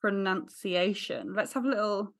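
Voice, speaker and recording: A woman's voice: medium pitch, moderate pace. Lady cohost, giggly casual chat, medium voice. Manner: laughs often, chatty and playful. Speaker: podcast co-host.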